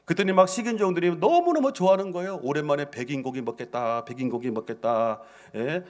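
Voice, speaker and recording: A man preaching a Sunday sermon in a church as senior pastor, telling stories with sudden emphatic jumps in pitch and often saying "yes" between phrases. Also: animated, fast. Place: church sanctuary.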